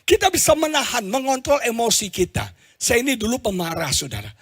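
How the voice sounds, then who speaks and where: High-voiced, husky Indonesian preacher man. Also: a little fast. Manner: lively storytelling preacher, swings between loud exclamations and low asides. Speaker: pastor. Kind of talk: sermon. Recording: live church stream with faint music behind.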